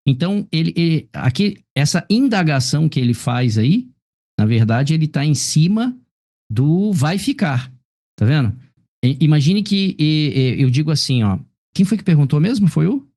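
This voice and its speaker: A man's voice: a little high, big pitch swings, normal speed, warm tone. A man with a Brazilian Portuguese accent teaching a grammar class over a video call, explaining patiently and asking "tá vendo?" again and again. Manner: explanatory, repeats "tá vendo?" and "ó" often. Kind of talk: live online class correcting a test.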